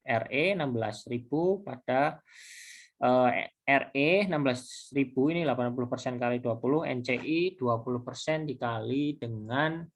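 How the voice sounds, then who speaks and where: In an informal tutorial recording, a man with a medium-pitched voice teaches accounting one step at a time. He speaks haltingly and conversationally, repeating points and raising questions of his own.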